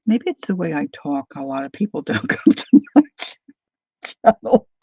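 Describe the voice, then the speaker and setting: On a casual craft livestream, a woman in her sixties rambles through viewer comments in her Philadelphia accent. Her lowish voice is mellow and husky, swinging widely in pitch at a moderate pace, with no room sound. The audio is dull lo-fi livestream quality.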